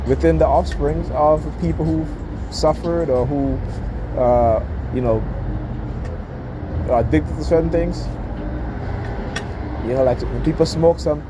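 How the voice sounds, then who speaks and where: Man on an emphatic rant, noisy background. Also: fairly high pitch. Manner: emphatic, repeatedly punctuates points with check-in questions like "right?" and "okay?". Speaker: speaker giving commentary. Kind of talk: informal opinionated rant.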